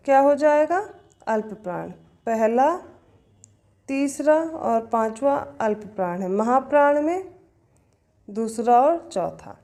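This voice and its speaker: A woman's voice: sits high, a little mellow. A woman teaching an exam-prep grammar lesson, explaining step by step and answering her own questions.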